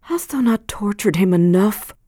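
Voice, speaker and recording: An anguished, defiant woman pleads and insists with strong emphasis, as a woman reading a classic novel voices her. Her voice rises high and swoops widely. It is an audiobook with a dry close sound. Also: lively intonation, unhurried, dark tone, no echo. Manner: pleading, then firm and emphatic.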